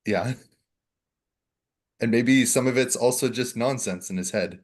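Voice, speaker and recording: A man's voice: medium pitch, unhurried. A man talking as a player in a tabletop horror game, mixing in-character talk with easy chatter.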